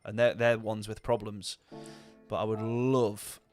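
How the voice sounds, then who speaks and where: A man's voice: lowish voice, level tone, a little slow, a little mellow, soft background music. Chatty man streaming a racing game. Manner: rambling, chatty, answers viewer chat. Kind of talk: casual gameplay commentary.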